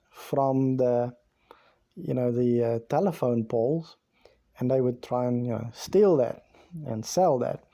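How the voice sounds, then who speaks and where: This slow-speaking man with a dark, medium-pitched voice is a former police officer sharing a true story in a casual way. Afrikaans is his first language, and he rambles, repeating words and saying "you know" often.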